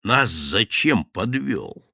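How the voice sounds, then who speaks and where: A man voicing a cold gang boss who interrogates in a low, quiet voice. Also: sing-song, takes it slowly, vocal fry, no echo, studio quality, exaggerated voice. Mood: menacing.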